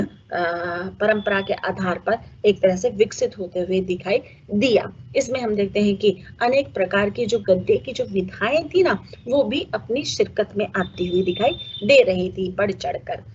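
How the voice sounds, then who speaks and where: A woman teaching a lecture, explaining at an unhurried pace and often pausing with filler sounds. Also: medium pitch, a little mellow, breathy edge. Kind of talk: recorded lecture. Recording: slightly dull lo-fi audio with faint noise.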